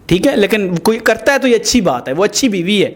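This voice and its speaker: High-voiced man lecturing a couple. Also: very animated. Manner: lecturing, moralizing, emphatic. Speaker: host mediating a couple's dispute. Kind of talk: confrontational reality-show mediation.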